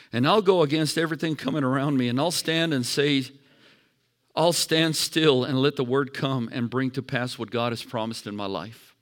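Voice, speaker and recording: A middle-aged male pastor preaching a sermon, swinging from hushed storytelling to shouted calls for praise. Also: mid-range voice.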